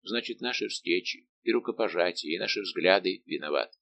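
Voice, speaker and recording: A man's voice: low-pitched, normal speed, vocal fry, fairly bright tone, no echo. A man voicing a tormented, lovesick young king in an audiobook, pleading and anguished.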